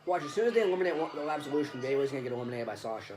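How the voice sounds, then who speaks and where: A man co-hosting a casual wrestling reaction chat, excitable and rambling. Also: very fast, poor audio. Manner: excitable, rambling, jumps pitch when surprised.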